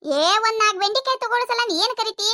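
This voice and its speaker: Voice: very high-pitched, animated, quick pace, sharp tone, dry recording, clean studio sound, heavily acted. A voice actor playing a naive, defensive young village daughter-in-law with a North Karnataka accent in a cartoon comedy. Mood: plaintive.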